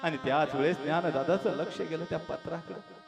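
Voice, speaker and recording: A high-voiced male kirtan preacher from Maharashtra narrates a saint's story with dramatic, tearful emotion. His voice sits notably high for a man. Clear devotional music plays under him throughout. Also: a little fast. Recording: sermon with devotional music behind.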